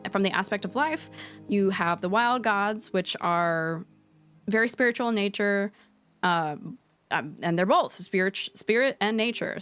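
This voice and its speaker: A woman streaming an unscripted lesson on game lore, rambling and correcting herself, with playful asides. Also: mid-range voice.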